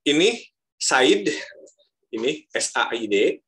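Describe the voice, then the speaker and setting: A man's voice: mid-range voice, normal speed. Man, Indonesian accent, lecturer, pronunciation lesson, repeats words to model them. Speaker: university lecturer.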